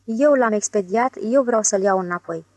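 A woman voicing a scheming, smooth-talking young male con man in an audiobook, glib and sarcastic by turns. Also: medium pitch, darkish tone, no echo, natural voice. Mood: pleading. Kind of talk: audiobook character voice.

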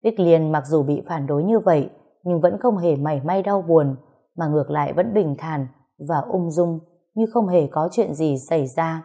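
A woman narrating a written story in a steady, even way. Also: low voice, normal speed, husky.

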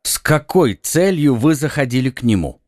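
A man's voice: medium pitch, very animated, moderate pace, darkish tone, no echo, clean studio sound, voice pushed up, close to an everyday voice. A man voicing a stern, blustering police commissioner questioning a prisoner in an audiobook. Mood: interrogating. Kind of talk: audiobook reading.

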